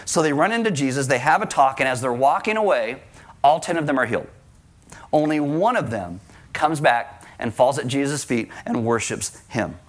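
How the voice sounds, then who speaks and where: Animated conversational male pastor preaching. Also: medium pitch, normal speed. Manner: conversational and animated, acting out quotes with asides. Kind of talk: sermon.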